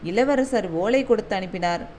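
A woman's voice: mid-range voice, moderate pace, a little mellow, slight background noise, lightly acted. A woman voicing a young male warrior messenger in a storybook reading, speaking politely and deferentially. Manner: deferential, respectful.

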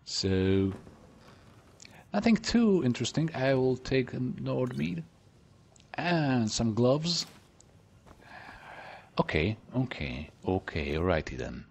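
A man's voice: medium pitch, big pitch swings, takes it slowly, gravelly, pauses often, husky. A man casually commenting on his gameplay, chatty and playful, often dropping to a whisper. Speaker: let's play gamer.

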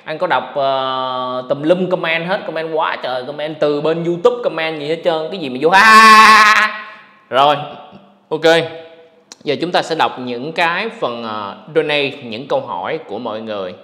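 Animated man, echoey room. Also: on the high side, normal speed. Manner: animated, ranting, mocks others in put-on voices. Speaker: podcast host. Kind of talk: casual livestream monologue. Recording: echoey room with long reverb.

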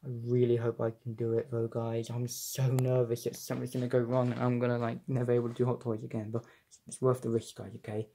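A young man chatting casually as he reviews a collectible figure, excitable and rambling with frequent restarts. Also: mid-range voice, fast talker, vocal fry. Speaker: toy reviewer. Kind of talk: casual unboxing vlog.

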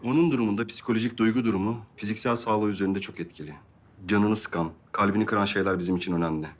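An actor playing a calm doctor explaining a patient's condition in a measured way. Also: male voice, lowish voice, lightly acted. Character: calm hospital doctor briefing a patient's father.

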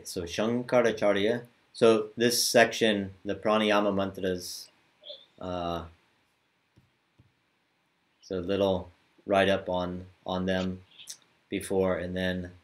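A man teaching yoga mantra chanting over a video call, drawing out the chants slowly and talking more quickly between them. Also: low voice. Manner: slow drawn-out chanting, quicker casual asides.

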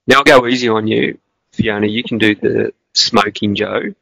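A man's voice: fairly low pitch, steady tone, normal speed, gravelly, a bit bright, husky, dry recording. A man co-hosting a casual Australian football podcast, hesitant and rambling with many restarts, on a dull, dry lo-fi recording. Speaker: podcast co-host.

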